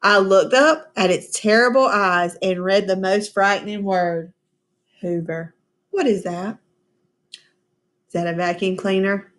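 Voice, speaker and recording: A woman teacher reading a storybook aloud to children, pausing to ask them questions and explain words. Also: mid-range voice. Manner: expressive, asks the children questions, slow and patient. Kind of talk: storybook read-aloud with class discussion.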